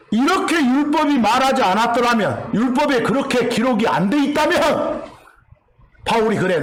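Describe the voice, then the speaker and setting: A male pastor with a Jeolla accent delivers a teaching sermon in a very high, lively voice. He keeps tossing questions back to the congregation and repeats them to drive his points home. The sound is an echoey church hall with faint background noise. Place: church sanctuary.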